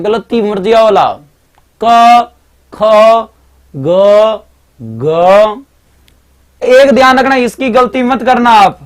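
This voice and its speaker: Male tutor, Marwari accent, high voice, live online class, keeps telling students to watch out. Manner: repetitive, chatty, keeps urging students to pay attention. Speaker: teacher. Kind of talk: live online grammar lesson.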